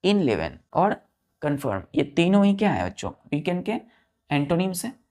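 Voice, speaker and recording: A man teaching vocabulary, spelling each word letter by letter, counting aloud and repeating key words slowly for his students. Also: a little high, sing-song, a little mellow. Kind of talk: vocabulary lesson.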